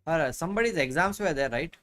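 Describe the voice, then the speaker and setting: A man in his thirties co-hosts a live chess stream from a room at home. He thinks aloud as he talks through the moves, with many fillers and pauses along the way. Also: fairly high pitch, expressive, a bit bright. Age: 30s. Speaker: chess commentator co-host. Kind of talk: casual chess commentary.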